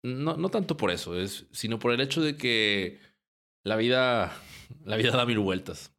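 A young man from Mexico, hosting a casual podcast and talking in a relaxed, rambling way with many restarts. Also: medium pitch, a little slow. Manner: relaxed, rambling with frequent restarts and short laughs. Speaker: podcast host. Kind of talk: casual podcast intro and interview.

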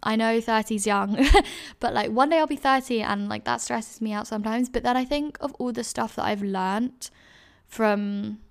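Podcast host, woman, early twenties: chatty advice talk, filler-heavy, vocal fry. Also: a little high, normal speed. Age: 20s. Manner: chatty, many fillers and self-corrections. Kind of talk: casual advice chat.

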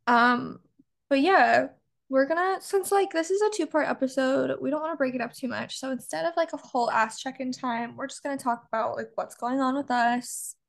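Creaky, higher-voiced woman with Chicago accent. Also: normal speed. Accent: Chicago, Midwestern vowels. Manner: informal, frequent "like". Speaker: podcast co-host. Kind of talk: casual podcast chat.

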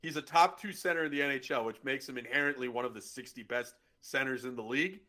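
A man's voice: mid-range voice, fast, bright, forceful tone. A man co-hosting a sports podcast in casual, profane, teasing banter. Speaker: podcast co-host. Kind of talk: casual chat.

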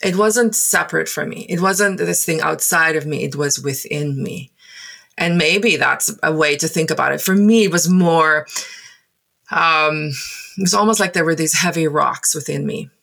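A guest in her forties, a native Afrikaans speaker with a South African accent, reflects on her past in English. Her low voice is heavy with vocal fry yet fairly bright in tone. She is thoughtful and halting, pausing often and filling gaps with "um."

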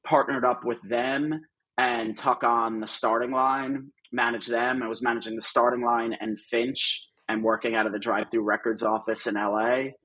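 A man's voice: medium pitch, steady tone, moderate pace, bright, forceful tone, slightly rough, low-quality recording. A middle-aged man, a guest on a podcast, telling stories about his career in a casual, rambling way with lots of fillers. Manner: chatty, rambling with many asides and fillers. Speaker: guest, artist manager. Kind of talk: casual interview storytelling.

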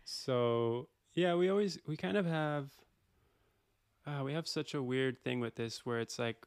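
A young man, a podcast guest, telling a story in casual chat, animated and laughing often. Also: medium pitch, a little slow, clean tone, no room sound, clean studio sound.

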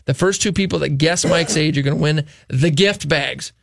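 A man hosting a live call-in radio show, talking fast with frequent restarts and fillers. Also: a little high, vocal fry, slight background noise.

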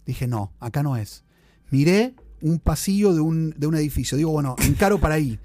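A man's voice: a little high, fairly quick, mellow, no echo. A man co-hosting a casual chat, telling long rambling confessional stories. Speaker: podcast co-host.

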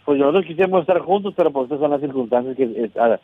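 30ish guy from mexico calling in, talks quick, phone line sound. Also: mid-range voice, animated. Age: 30s. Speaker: caller.

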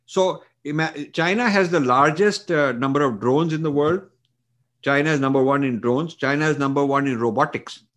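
A man's voice: fairly high pitch, normal speed, fairly bright tone. A middle-aged man from India, an author answering interview questions earnestly and emphatically, with frequent fillers and restarts.

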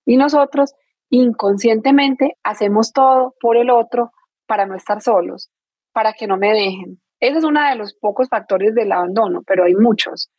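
A woman's voice: on the high side, normal speed, no room sound, muffled recording. A woman, a guest explaining emotional wounds through everyday examples, often restarting her sentences. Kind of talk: explanatory interview talk.

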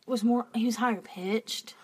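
A woman's voice: fairly high pitch, fairly even intonation, normal speed, husky. A woman co-hosting a podcast in casual chat, talking loosely with lots of fillers and frequent laughs. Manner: chatty, laughs often, many fillers. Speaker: podcast co-host.

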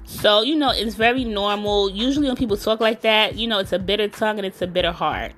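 A woman speaks close to the mic in a casual solo podcast. She coaches listeners in a frank, emphatic way and fills her speech with "you know". Faint music plays softly behind her. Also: medium pitch, fast talker. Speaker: podcast host and self-love coach.

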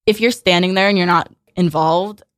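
A woman in her twenties chatting as a guest in a radio studio interview, sarcastic and quick to laugh, with lots of "like" fillers. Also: fairly low pitch, dry recording. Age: 20s. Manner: chatty and sarcastic, laughs often, heavy use of "like". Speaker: guest musician. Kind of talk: casual interview chat. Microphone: studio mic.

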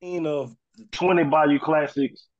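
A man's voice: fairly high pitch, steady tone, measured pace, muffled recording. A man giving casual, informal sports commentary as a panel analyst. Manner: informal, conversational, often says "man".

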